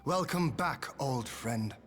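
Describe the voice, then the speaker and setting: An actor playing a calm, courteous young lord and rebel leader in a video game, speaking in formal, archaic, measured phrases. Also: male voice, medium pitch. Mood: moved, warm. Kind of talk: scripted video game dialogue. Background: music.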